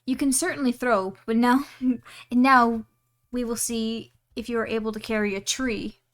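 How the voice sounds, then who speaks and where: A woman reading a storybook aloud and voicing a huge, bullying male giant, loud and scornful. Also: on the high side, fairly even intonation, normal speed, natural voice. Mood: boastful.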